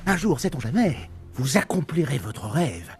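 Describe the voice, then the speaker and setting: A man's voice: on the high side, big pitch swings, moderate pace, soft background music. Man acting a pompous, swooping villain, Dr. Robotnik. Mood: scornful. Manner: pompous, mocking, mannered speech. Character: arrogant male mad-genius doctor, theatrical, sneering, menacing villain. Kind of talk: French film fan dub acting.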